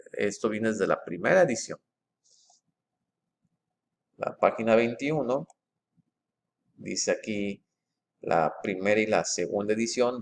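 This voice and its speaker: Gravelly man, explaining methodically. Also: on the low side. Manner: methodical and halting, with frequent fillers and restarts. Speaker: presenter comparing book editions. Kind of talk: informal explanatory walkthrough, reading passages aloud.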